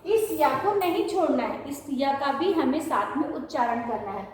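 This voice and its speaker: A woman teaching a language lesson, slowly spelling out words and repeating each one for her students to copy. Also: sits high, big pitch swings, a little hiss or hum. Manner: slow, repeats words for drill. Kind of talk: Hindi pronunciation lesson. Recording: very echoey room.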